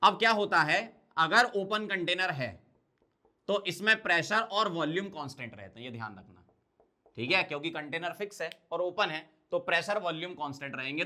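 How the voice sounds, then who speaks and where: A man's voice: sits high, sharp tone. A man teaching a chemistry class, who keeps putting questions to the students and answering them himself, mixing in English technical terms. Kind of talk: blackboard lecture.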